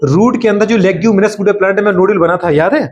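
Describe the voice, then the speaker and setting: A man's voice: sits high, very fast, darkish tone, lo-fi sound. A male biology teacher with a Hindi accent, lecturing a class, often asking questions and answering them himself, teasing his students.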